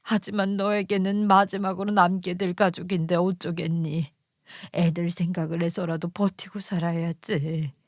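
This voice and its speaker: A woman voicing a frail, gentle elderly mother who is ill and speaks softly and apologetically. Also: mid-range voice, moderate pace, no echo, studio quality, natural voice. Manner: soft, quiet, apologetic. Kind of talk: storytelling radio narration.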